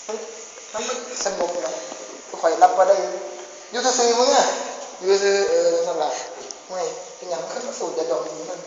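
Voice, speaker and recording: A high-pitched man with an Isan accent hams up a homemade ghost story, crying out in mock terror between jokey asides. His voice rings around a long, echoey hall. Loud background noise runs underneath him. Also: moderate pace, dull audio. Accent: Northeastern Thai (Isan). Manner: jokey, exclaims and yelps in mock fright. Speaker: amateur video maker narrating a ghost spoof. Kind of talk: playful mock-horror narration.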